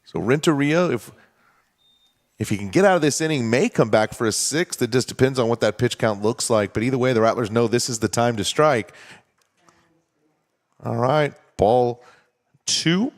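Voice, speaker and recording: A man calling a baseball game play-by-play, talking steadily and conversationally and explaining strategy between pitches. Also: normal speed, pauses often. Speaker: play-by-play announcer. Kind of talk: baseball commentary.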